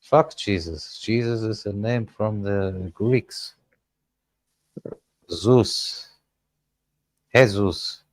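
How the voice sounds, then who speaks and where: A man, speaking English as an in a casual panel chat and often pausing to search for words. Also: on the low side, no echo. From Germany. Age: 30s. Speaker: panel guest.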